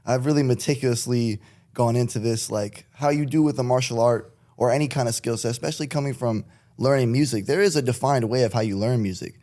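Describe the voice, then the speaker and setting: A man's voice: medium pitch, a little fast, warm tone. Young guy from connecticut on a podcast, easygoing, rambles, laughs a lot, medium voice. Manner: laid-back, rambling, laughs often. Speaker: podcast guest, rapper. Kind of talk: casual chat.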